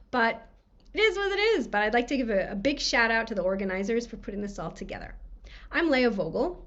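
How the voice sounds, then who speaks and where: An American woman giving a recorded conference talk, friendly and quick-talking, her voice scratchy from a cold. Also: mid-range voice, muffled recording. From USA. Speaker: conference speaker. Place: home room lined with books.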